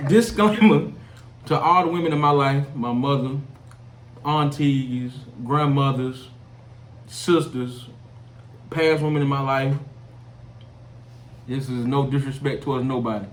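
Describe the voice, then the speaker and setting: A man's voice: medium pitch, fairly even intonation, a little slow, pauses often. A young man, hosting a casual chat in loose, joking slang. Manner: laid-back slangy talk, loose and joking. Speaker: podcast host. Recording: echoey room, off-mic, faint hiss.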